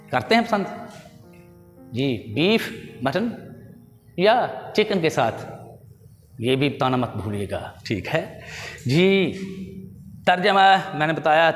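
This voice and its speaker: Lively male teacher correcting word pronunciation. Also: on the high side, in a large hall. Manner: patiently corrects words and spells out vowel marks; addresses viewers fondly as children. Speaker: language teacher. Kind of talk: pronunciation lesson.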